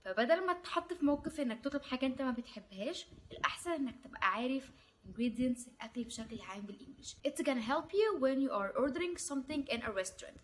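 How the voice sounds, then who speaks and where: A woman with an Egyptian Arabic accent teaching a vocabulary lesson as an English teacher, repeating each word slowly three times and breaking words into syllables. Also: high-pitched, lively intonation.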